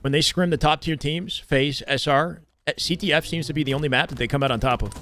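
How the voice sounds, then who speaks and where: A man live-streaming casual game commentary, chatting with viewers and hyping their support with slang shout-outs. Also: fairly high pitch, fast, slight background noise. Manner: hype slang, thanking and welcoming viewers.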